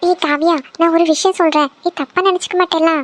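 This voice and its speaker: Girl doing a bossy bestie giving advice, fast n high pitched. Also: fairly even intonation. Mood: advising. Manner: scolding, advising. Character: outspoken young woman friend, practical and bossy. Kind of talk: cartoon voice acting.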